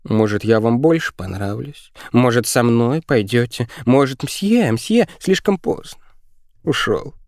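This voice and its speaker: A man voicing a frantic, bossy and spiteful girl in an audiobook, with shrill, scolding and hurried whispered lines. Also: animated, darkish tone, no room sound, clean studio sound.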